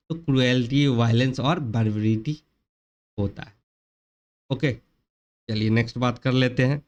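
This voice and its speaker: A man's voice: medium pitch, darkish tone. Man teaching, asking and answering himself. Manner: asks questions and answers them himself, repeats key words. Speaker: English vocabulary teacher. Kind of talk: explanatory online lecture in Hinglish.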